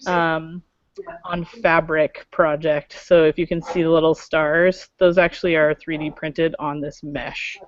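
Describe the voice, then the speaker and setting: A woman speaking on a video call in a lowish voice, chatty and loose, full of little fillers and asides. The sound is dull and lo-fi, with a dry, close feel. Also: level tone, unhurried, dry recording. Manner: chatty, many fillers, laughs. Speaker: library makerspace staff member. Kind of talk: casual video call interview.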